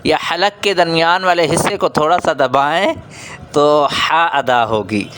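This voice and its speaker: A man with a bright, clean voice teaches a Quran reading lesson for children. He speaks a little higher than most men, repeats each point patiently and quizzes his young pupils as he goes. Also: clear, resonant tone.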